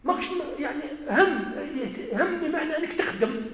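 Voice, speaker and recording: Speaking quickly in a very high, fairly bright voice with lively intonation, a man with an Algerian Arabic accent, Amazigh by mother tongue, lectures emphatically and repeats his key phrases. The vast mosque hall carries his voice with a long, echoing reverb.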